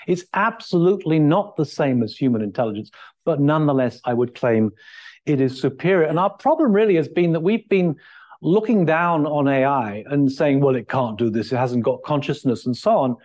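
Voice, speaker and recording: Man lecturing at a lectern, soft dark voice. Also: a little high. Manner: thinking aloud, many fillers and restarts. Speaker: keynote speaker. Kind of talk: conference lecture. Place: large lecture hall, at a lectern.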